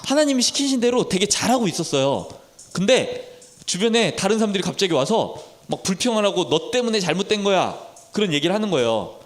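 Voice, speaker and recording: A man's voice: sits high, sing-song, a little fast. A man in his thirties, a Sunday school teacher telling a Bible story to children and asking them questions. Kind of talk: children's sermon.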